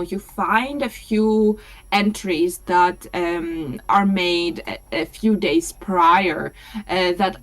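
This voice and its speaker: A woman running a tabletop game, explaining and narrating as game master in a halting way. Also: lowish voice, low-quality recording.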